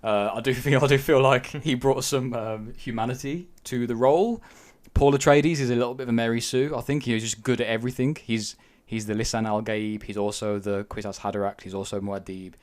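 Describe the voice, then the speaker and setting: A man's voice: medium pitch, fairly even intonation, fairly quick, few pauses. A man co-hosting a podcast in casual chat, giving frank opinions and thinking aloud with frequent ums. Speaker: podcast co-host.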